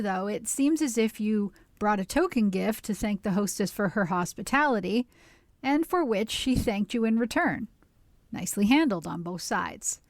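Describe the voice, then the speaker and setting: A woman reading newspaper advice columns and essays aloud for a radio reading service, in a measured, even delivery. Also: medium pitch, dry recording.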